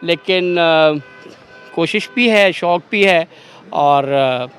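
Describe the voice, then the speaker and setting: A man's voice: a little high, drawn-out words, fairly bright tone, smooth, faint music behind. A man in his forties from Pakistan, a father, speaking formally and reciting verse between hesitant fillers in a street interview outdoors.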